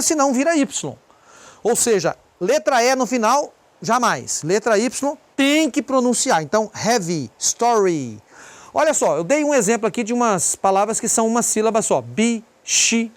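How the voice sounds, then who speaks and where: An English teacher with a Brazilian Portuguese accent giving a pronunciation lesson, repeating example words slowly and pointing to written examples. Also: medium pitch.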